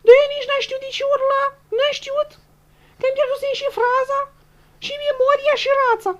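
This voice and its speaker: A shrill, stammering, weepy young bride-show winner. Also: female voice, level tone, muffled recording. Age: young adult. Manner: stuttering, repeating syllables, near tears. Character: giddy, tearful young female reality-show winner who stutters and loses words. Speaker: interviewee. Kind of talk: comedic sketch acting.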